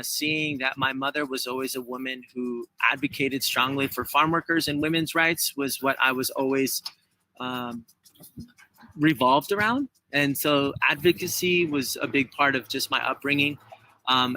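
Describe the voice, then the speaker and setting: A man's voice: mid-range voice, noisy background. A man from El Salvador, a trail runner guest in an interview, speaking in a hesitant, heartfelt way with many fillers. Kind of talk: conversational interview.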